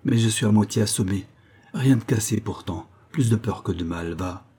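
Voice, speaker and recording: A man's voice: moderate pace, warm tone, breathy edge. A man playing a brutish scared prison guard. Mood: dazed. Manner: low and strained. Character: brutish male prison guard, anxious and panicky.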